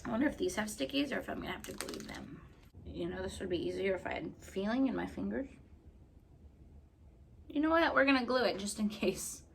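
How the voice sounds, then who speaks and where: Gravelly woman in her late twenties, chatting. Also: medium pitch, animated, fairly quick, long pauses, slight background noise. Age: late 20s. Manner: chatty, rambling and playful. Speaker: craft vlogger. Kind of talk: casual chat while crafting.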